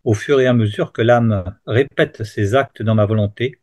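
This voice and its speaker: A man reads a spiritual passage aloud for a prayer group. His delivery is steady and deliberate. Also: medium pitch. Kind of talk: reading a spiritual text aloud.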